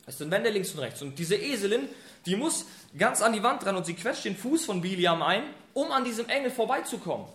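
A man preaching a sermon, retelling a scripture story in a lively, colloquial way. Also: sits high, a little fast. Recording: echoey room.

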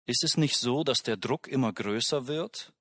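A man's voice: mid-range voice, moderate pace, a bit bright, no echo, studio quality. A man preaching a sermon in an earnest way, often asking his listeners direct questions.

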